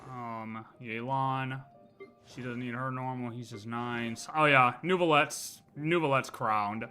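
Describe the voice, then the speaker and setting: This man streams a game and rambles casually in his commentary, regularly questioning and answering himself while game music plays underneath. He speaks slowly at a medium pitch with a sharp tone.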